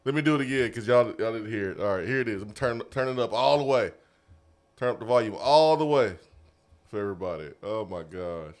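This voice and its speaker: A man with a drawl hosts a sports talk show, his low voice swinging up and down as he riffs. He talks animatedly, stretches words for emphasis and laughs easily. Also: expressive, fairly quick. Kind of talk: casual sports radio chat. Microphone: studio mic.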